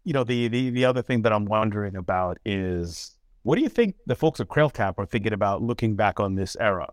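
Man, forties, podcast co-host, lively slangy chat, dry close mic. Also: lowish voice, a little fast, no echo. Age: 40s. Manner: animated, slangy, laughs easily.

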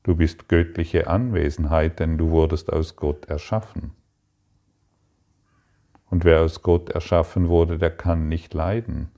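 A man giving a calm, meditative spiritual talk, speaking slowly and soothingly with long pauses. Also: extremely low pitch, creaky. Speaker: spiritual teacher.

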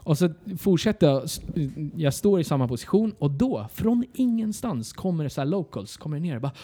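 A man with a slightly high, mellow voice tells a story in a casual podcast. He is animated, swears freely and acts out the other people's lines as he goes. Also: breathy edge.

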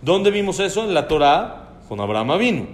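A man's voice: fairly high pitch, very animated, a little fast. A man teaching a religious lesson on prayer, posing questions and answering them himself. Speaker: Torah teacher.

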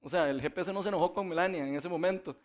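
A man's voice: sits high, rapid-fire. Chatty man preaching. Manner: conversational storytelling, laughs often. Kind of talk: sermon.

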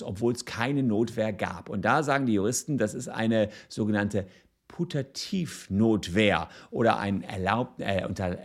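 A man commenting on a video and explaining criminal law in a relaxed, thinking-aloud way with frequent fillers. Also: medium pitch. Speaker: legal commentator.

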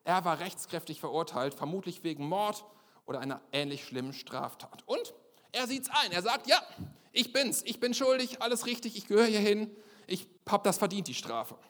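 A young male preacher delivers a lively, colloquial sermon with plenty of emphatic exclamations. His voice sits high and sounds bright and forceful. A long hall reverb carries behind every sentence. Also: normal speed. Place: church service.

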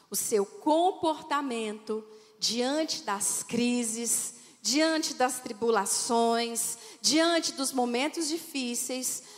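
A woman pastor with a Brazilian Portuguese accent, preaching a sermon in an emphatic way and asking the congregation questions. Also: a little high. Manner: slow, emphatic preaching with call-and-response questions. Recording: long hall reverb.

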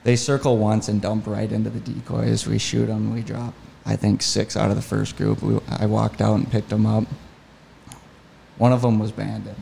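A man's voice: fairly low pitch, moderate pace, creaky, slight background noise. A man telling a story as a podcast guest, in a casual, enthusiastic way. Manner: enthusiastic, animated retelling. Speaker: podcast guest, hunting guide.

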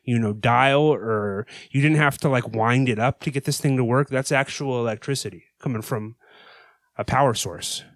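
A man's voice: mid-range voice, moderate pace, no room sound. A man co-hosting in casual banter, rambling on with plenty of slang and swearing. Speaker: co-host. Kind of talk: casual banter with sponsor plug.

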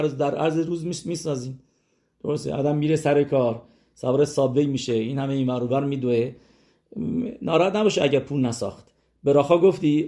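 Male religious teacher, middle-pitched and mellow; asks and answers his own questions, hesitates while thinking, climbs high and loud for emphasis. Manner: asks the listeners rhetorical questions and answers them; thinks aloud with hesitations and restarts. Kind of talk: religious lesson on scripture and numerology.

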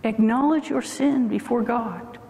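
Woman pastor, sermon, unhurried delivery, roomy echo, long hall reverb. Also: a little high, creaky, mellow. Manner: deliberate, emphatic preaching cadence.

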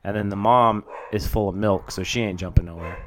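Man co-host, low-pitched, laid-back and dry in replies. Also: fairly quick, background noise. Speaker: podcast co-host. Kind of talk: casual chat. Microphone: home microphone.

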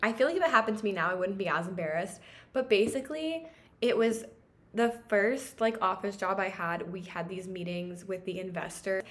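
A woman's voice: mid-range voice, moderate pace, a bit bright. A young adult woman, co-hosting a casual chat and telling stories in a rambling way, full of fillers and laughter. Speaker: podcast co-host.

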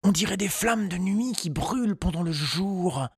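A man's voice: sits high, animated, unhurried, husky, no echo, clean studio sound, heavily acted. A man voicing a curious, earnest little boy in a storybook reading, asking questions in a wondering way. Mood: hushed.

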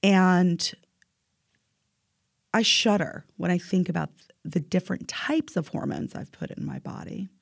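With a lowish voice, vocal fry, and a measured pace, a woman in her 40s talks about health casually but emphatically, repeatedly asking "right?". The sound is clean studio audio with no echo.

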